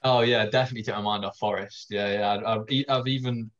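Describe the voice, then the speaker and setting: A man's voice: on the low side, steady tone, fast, a bit bright. Easygoing young man, slightly dull lo-fi sound. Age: young adult. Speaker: guest, physiotherapy student. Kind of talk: casual podcast chat.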